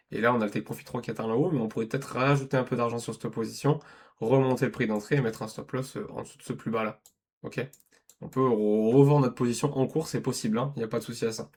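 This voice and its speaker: Male trading teacher, mid pitch, chatty walkthrough with frequent check-ins. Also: a little mellow, breathy edge. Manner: conversational, checks in with "d'accord?" and "ok?"; thinks aloud with restarts and self-corrections. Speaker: trading educator. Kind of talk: screen-share trading lesson.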